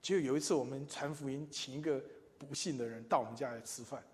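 A man, preaching and telling his own testimony, moving between loud emphatic lines and quiet asides. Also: mid-range voice, fast talker. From Taiwan. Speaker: church speaker. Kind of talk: sermon with personal testimony. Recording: long reverb in a large hall.

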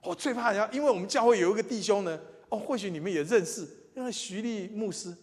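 A man, preaching and telling his own testimony, moving between loud emphatic lines and quiet asides. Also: high-pitched, quick pace. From Taiwan. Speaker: church speaker. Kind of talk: sermon with personal testimony. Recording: long reverb in a large hall.

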